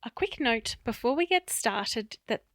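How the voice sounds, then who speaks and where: A woman's voice: on the high side, expressive, a little slow, a bit bright. A woman hosting a podcast, upbeat and enthusiastic in casual chat. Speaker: podcast host.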